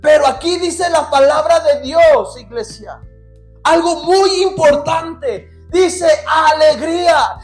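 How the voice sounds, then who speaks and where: A woman with a high voice preaches slowly and deliberately. She reads scripture and asks her listeners questions, pressing her points and at times rising to a shout. Soft music plays faintly behind her. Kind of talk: sermon.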